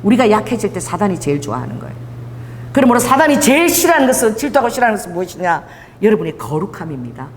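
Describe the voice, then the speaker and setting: A middle-aged woman pastor delivering a lively sermon, leading the congregation to repeat after her and acting out quoted voices. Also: medium pitch, very fast, slight background noise. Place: church sanctuary. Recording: long church reverb.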